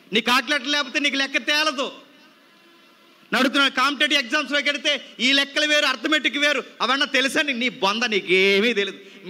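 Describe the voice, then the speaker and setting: A male preacher delivers a youth sermon in a strikingly high, sharp, cutting voice. He scolds his listeners and fires off one rhetorical question after another.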